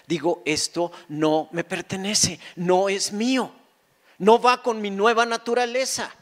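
A man preaching a sermon as a pastor, fervent, firing rhetorical questions and repeating key phrases. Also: high-pitched.

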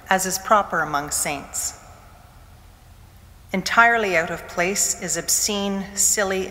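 Middle-aged female lector, deliberate scripture reading, mid-range voice, long church reverb. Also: medium pitch, a bit bright. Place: church, at the lectern. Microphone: gooseneck lectern microphone.

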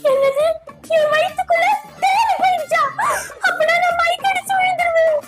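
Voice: very high-pitched, moderate pace, over music. A wailing, melodramatic little cartoon girl, as a performer puts her on. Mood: hysterical. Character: panicky, whiny little girl who thinks she is a scorpion.

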